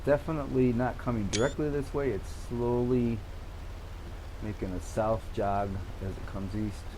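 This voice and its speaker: A man giving casual gameplay commentary, thinking aloud in an unhurried way as he narrates his play. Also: mid-range voice. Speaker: gamer narrating a storm-chasing simulation game. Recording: clear steady background noise.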